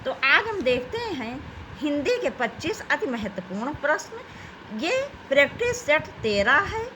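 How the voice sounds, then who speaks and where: A woman's voice: high voice, sing-song, measured pace, a bit bright, a little hiss or hum, poor audio. A woman teaching an exam-prep grammar lesson, reading out questions and options and addressing her students as children. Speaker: Hindi teacher.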